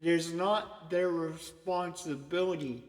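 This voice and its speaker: Guy preaching slow and chatty, keeps asking okay?, big echo w/ long reverb. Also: on the high side, fairly even intonation. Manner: conversational, repeatedly asks "okay?". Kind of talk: informal sermon to an online group.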